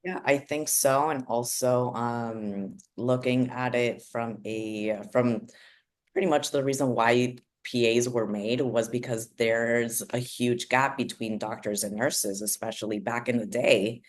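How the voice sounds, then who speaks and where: A woman, a physician assistant, talking as a guest in a casual podcast conversation, animated and acting out her reactions. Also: rumbling low, unhurried. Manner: animated, acts out reactions with "like" asides.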